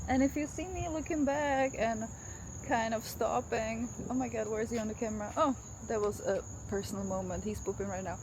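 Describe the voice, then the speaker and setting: Out walking her dog in a rain-soaked neighborhood, a woman in her thirties from the Czech Republic speaks emphatically to viewers in Czech-accented English, giving them a motivational message. Her voice is fairly high and a little fast. Her self-filming, face-tracking camera picks up crickets, insects, and cars going by.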